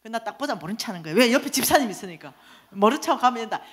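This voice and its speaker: Woman lay minister, church seminar testimony, lively swinging pitch, animated storytelling. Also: racing. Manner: animated storytelling, acting out quoted voices.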